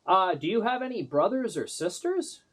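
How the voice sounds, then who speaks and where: A man's voice: high voice, sing-song, normal speed, a bit bright. A man interviewing a guest, overly polite and mock-earnest.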